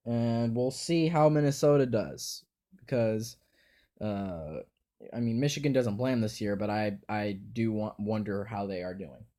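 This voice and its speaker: Mellow-voiced man musing over football picks. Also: fairly low pitch, measured pace. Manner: thinks aloud, hesitant, repeats words and restarts. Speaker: sports predictions host. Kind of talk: casual spoken football picks.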